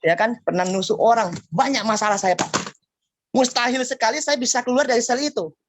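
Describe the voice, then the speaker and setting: A man giving a spoken personal testimony at a church fellowship meeting over a video call. He tells his story emphatically, asks listeners rhetorical questions, and drops into a lower voice when he quotes people. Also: steady tone, a little fast, noisy background. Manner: acts out quoted speech in a lower voice.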